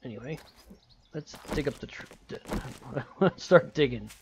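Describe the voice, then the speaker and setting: A man with a Texan accent talks through his gameplay, wandering and unsure, thinking out loud. His voice sits in an ordinary middle pitch. Plenty of noise is audible behind him in the home recording. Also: unhurried. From Texas. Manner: rambling, hesitant, thinking aloud. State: yawning. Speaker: gameplay channel host. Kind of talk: casual gameplay commentary. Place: home room. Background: holiday music and fireworks outside.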